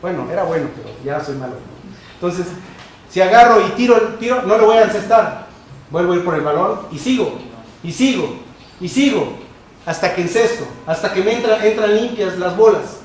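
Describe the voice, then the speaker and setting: A man preaching a sermon as pastor, emphatic and repetitive, with quick shifts between loud and soft. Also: high-pitched, lively intonation. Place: church sanctuary. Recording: echoey church room with faint noise.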